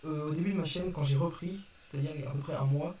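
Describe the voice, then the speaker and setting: A man's voice: a little high, fast, dark tone. A young man giving a casual, unscripted explanation to his viewers in a hesitant, apologetic, self-correcting manner. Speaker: video creator addressing viewers. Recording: distant roomy mic with faint noise.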